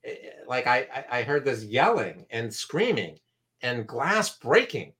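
Unhurried and sing-song, with a medium pitch and fairly bright tone, this San Francisco man recounts a youthful memory as a guest in conversation, performing the voices of the others in the tale.

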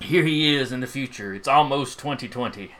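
A man narrating a tabletop game as game master, informal and halting as he improvises. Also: mid-range voice, pushed and bright.

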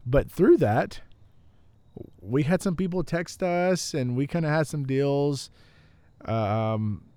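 A man's voice: fairly high pitch, animated, slow, dark tone, clean tone, no echo. A man in his thirties co-hosting a podcast, rambling and laughing at himself in casual chat. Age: 30s. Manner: rambling, laughing, self-deprecating. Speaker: podcast co-host.

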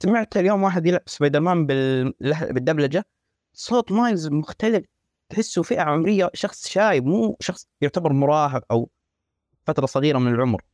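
A man in a casual gaming discussion who explains his point calmly. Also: on the high side, quick pace, no room sound, studio quality.

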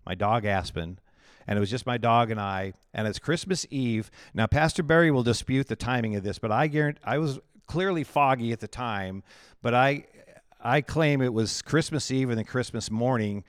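A man's voice: mid-range voice, moderate pace, smooth, dry recording, clean studio sound. A male pastor telling his life story in an interview, candid and chatty, often laughing at himself.

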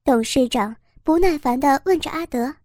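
A woman narrating a story in a steady, even storytelling voice. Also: sits high, moderate pace, no room sound. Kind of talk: scripted narration.

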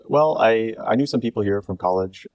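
A man in his thirties from near Washington DC, a startup co-founder explaining his path in a relaxed way with small restarts. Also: on the low side, normal speed, no room sound. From United States, near Washington DC. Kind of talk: interview answers. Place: exhibition space.

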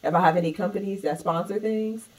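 A woman with a lowish voice, speaking loosely and expressively, swearing casually as she chats. She sits a little back from the microphone, so she sounds slightly distant. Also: fast talker. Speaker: yoga instructor. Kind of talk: casual podcast chat.

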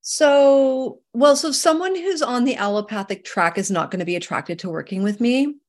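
A middle-aged Canadian woman who works as a holistic healer answers interview questions earnestly and emphatically, sometimes slowing down to drive a point home. Her voice is on the high side, with a darkish tone.

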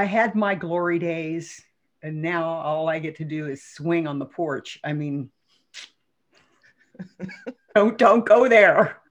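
A woman in her seventies, a therapist guest on a podcast, talking in a casual, outspoken and enthusiastic way and laughing often. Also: on the low side. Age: 70s. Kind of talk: casual conversation.

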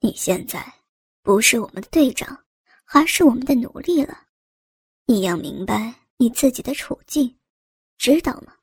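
A woman doing a sneering male cop who lowers his voice to a taunting half-whisper. The timbre is dark and mellow, set close to the mic in a dry, dead space. It is a read-aloud story voice. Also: lively intonation, normal speed, creaky, pauses often, slightly rough, no room sound, heavily acted. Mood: menacing. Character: sneering insolent male police officer.

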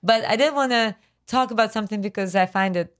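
A woman's voice: a little high, fast. A woman from Russia with a Russian accent, telling stories casually as a guest in a conversation. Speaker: guest, author and linguist.

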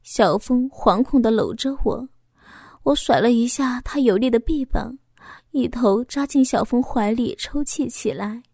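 Brief: female audiobook narrator, emotional first-person confession, higher voice, close and dry. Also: a little slow, gravelly, dark tone, dry recording.

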